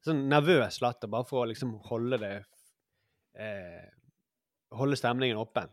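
A man's voice: medium pitch, dry recording. A man in his forties hosting a podcast, musing and rambling in casual chat. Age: 40s. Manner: musing, rambling, many fillers. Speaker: podcast host.

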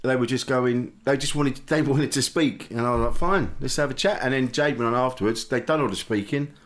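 A man's voice: mid-range voice, steady tone, brisk. A man from Kent with a south-east English accent, hosting a podcast in casual, blokey, sweary banter. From Kent, south-east England. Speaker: podcast host. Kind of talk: casual chat.

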